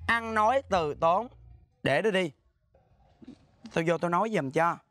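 An actor playing a sassy, sharp-tongued flamboyant man in a comic scolding rant. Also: sits high, animated, moderate pace, dry recording, faint music behind. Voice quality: sassy, nagging, theatrical. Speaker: comedy sketch actor.

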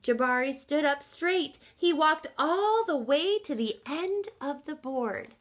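With a high-pitched voice and a slow pace, a woman in her thirties reads a picture book to young listeners in the role of a teacher. She is expressive and instructive, regularly breaking off to explain and to quiz the children directly.

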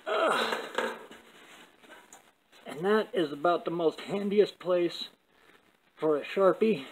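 An older man talks at an unhurried pace in a folksy, halting way, his words a little slurred from missing teeth. He rambles casually as he works in a garage, with clear background noise around his voice. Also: high-pitched. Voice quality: slightly slurred, toothless diction. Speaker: car builder and vlogger. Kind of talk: casual shop vlog, talking while working. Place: cluttered metal garage workshop, indoors. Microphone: camera a short distance away, later handheld. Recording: clearly noisy workshop ambience.

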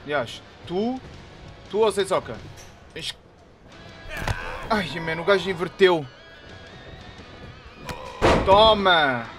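A young man with a European Portuguese accent shouts and taunts as he plays, his voice high and swinging all over the place. His commentary sits over clearly audible game music. He keeps up a steady stream of excited gameplay chatter. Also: drawn-out words, long pauses. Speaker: gaming YouTuber.

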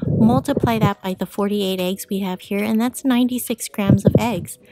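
A woman giving calm, matter-of-fact voice-over instructions for a home cooking video, explaining each step plainly. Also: mid-range voice. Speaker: frugal cooking vlogger.

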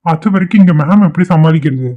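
A man's voice: fairly high pitch, quick pace, close to an everyday voice. A man voicing a worried young office worker in a cartoon who fears his work is lost. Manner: distressed, fretful. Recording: dull lo-fi cartoon audio.

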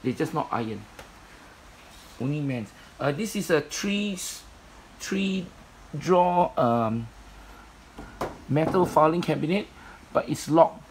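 A man's voice: fairly high pitch, animated, slow pace, long pauses, darkish tone, a little hiss or hum, low-quality recording. A man walks through an indoor storage unit, filming on a handheld phone and listing its contents plainly, with many fillers. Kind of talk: walkthrough commentary. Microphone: phone camera held in hand.

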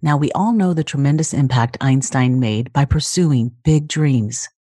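A woman's voice: extremely low pitch, a little slow, dark tone, slightly rough, dry recording, clean studio sound. A woman hosting a podcast, reading a polished introduction and then chatting eagerly with fillers. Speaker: podcast host. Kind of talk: scripted intro then interview chat.

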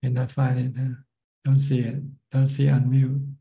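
An older Buddhist monk with a Thai accent, calmly explaining Dharma on a video call. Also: male voice, mid-range voice, gravelly, muffled recording. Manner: calm, measured, plain explanations. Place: plain room, seated in office chair.

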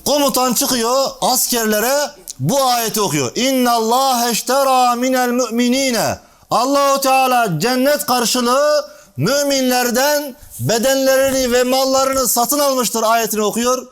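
A male preacher with a fairly high voice tells a religious story to a small gathering. He acts out the characters' lines with lively shifts in pitch and turns now and then to speak to listeners by name. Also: a little slow, clear, resonant tone. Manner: animated storytelling, acting out dialogue with shifting pitch; addresses listeners directly by name.

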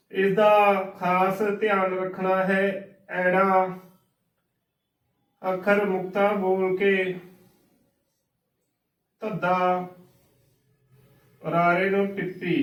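A man gives a slow, patient pronunciation lesson, spelling out each word letter by letter. His voice sits fairly high but stays level, with little rise and fall. He is picked up from a distance in an echoey room. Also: fairly bright tone. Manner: spells words letter by letter, repeats correct and wrong forms. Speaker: Gurbani pronunciation teacher.

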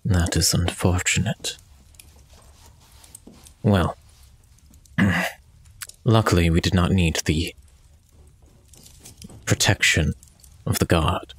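Deep husky man speaking formally. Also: fairly even intonation. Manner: measured, formal, quietly menacing. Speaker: player. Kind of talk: in-character tabletop role-play.

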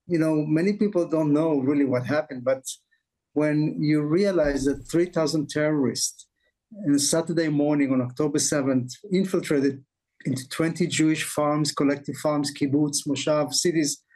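Earnest Israeli-accented pastor, slightly high voice. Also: male voice, darkish tone, low-quality recording. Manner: earnest, halting with many fillers. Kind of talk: interview guest on video call. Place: home office, indoors. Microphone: video call webcam.

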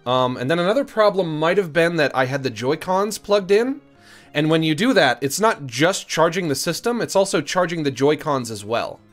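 A man's voice: a little high, expressive, moderate pace, faint music behind. A man giving casual, playful video game commentary, often silly and repeating himself.

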